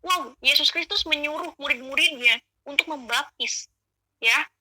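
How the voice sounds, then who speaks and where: A woman's voice: high voice, unhurried, sharp tone, no echo, poor audio. A woman giving an earnest, emotional spoken testimony of her conversion, addressing listeners as friends.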